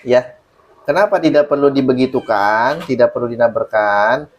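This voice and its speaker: The audio is dull with a little hiss or hum. Speaking at a moderate pace in a medium-pitched voice, a man guides a student through an online Quran recitation lesson, explaining rules patiently, giving recited examples and regularly checking comprehension.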